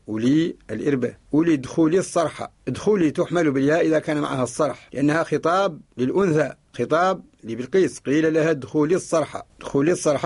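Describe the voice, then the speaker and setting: Male Mauritanian sheikh, fast and fairly high-pitched, radio teacher who quotes and repeats verses. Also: darkish tone, breathy edge. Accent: Mauritanian Arabic. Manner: quotes verses and repeats words while explaining. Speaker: sheikh teaching Quranic spelling. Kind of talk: radio lesson explaining a verse text.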